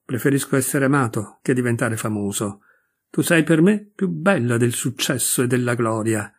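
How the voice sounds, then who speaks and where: Brief: young male painter in a storybook, impassioned and pleading, voiced by the reader, breathy voice. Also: mid-range voice, expressive, normal speed.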